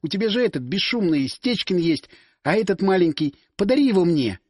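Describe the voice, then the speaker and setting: A man's voice: high voice, very animated, brisk, darkish tone, breathy edge, dry recording, clean studio sound, full character voice. A man voicing a cheeky, wheedling young woman in an audiobook. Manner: wheedling, whiny. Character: cheeky red-haired young woman nicknamed Squirrel, wheedling.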